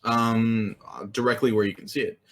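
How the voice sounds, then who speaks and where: A man's voice: mid-range voice, fairly even intonation, normal speed. A man narrating as game master of a tabletop game, hesitant with frequent ums. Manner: hesitant, many ums and uhs.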